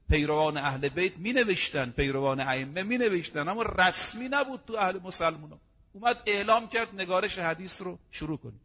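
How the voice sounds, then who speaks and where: A male preacher tells a story as a sermon, in a high voice. He talks to his listeners directly and with energy. The recording is dull and lo-fi, with long reverb from a hall. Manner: animated, addresses listeners directly.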